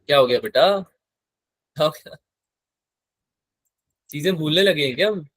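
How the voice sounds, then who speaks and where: A man's voice: on the high side, animated, moderate pace, a bit bright, no echo. A male physics teacher giving a live lecture in Hindi mixed with terms, often asking the class check questions. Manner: mixes English terms into Hindi.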